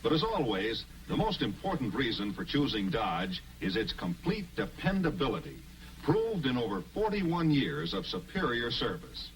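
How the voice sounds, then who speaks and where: A man delivering a 1950s TV commercial pitch in a folksy, confiding salesman manner, heard as old broadcast audio. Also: sing-song, normal speed, far from the mic, low-quality recording. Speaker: commercial announcer.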